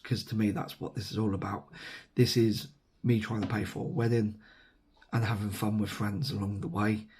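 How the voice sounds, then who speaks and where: This hoarse vlogger, an Englishman whose sore throat is taking his voice, sits at his camera and talks into its mic. His delivery is rambling and casual, full of ums and self-corrections, with a lowish, darkish voice, fairly even intonation and a moderate pace.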